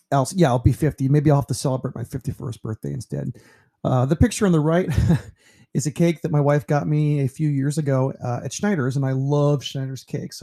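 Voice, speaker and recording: A New York man in his fifties, a teacher with a mid-range voice, narrates a slideshow about himself. His delivery is relaxed and rambling, full of fillers.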